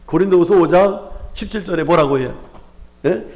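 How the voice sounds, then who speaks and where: A man's voice: high-pitched, moderate pace, darkish tone. A male pastor with a Chungcheong accent preaching a Sunday sermon, asking the congregation rhetorical questions and often calling out hallelujah. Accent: Chungcheong Korean. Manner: frequent exclamations of hallelujah.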